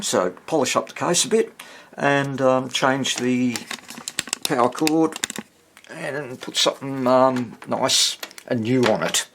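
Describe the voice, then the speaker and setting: Rambling as he goes, a radio-restoring hobbyist narrates his own repair at an indoor workbench without a script. He has a medium-pitched, gravelly voice, and slight background noise can be heard.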